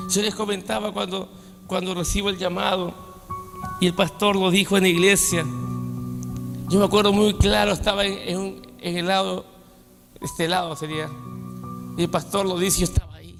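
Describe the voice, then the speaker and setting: A man from Peru preaching a sermon as pastor, with dramatic swings from soft asides to shouting. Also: sits high, vocal fry. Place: church hall. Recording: long church hall reverb with faint music.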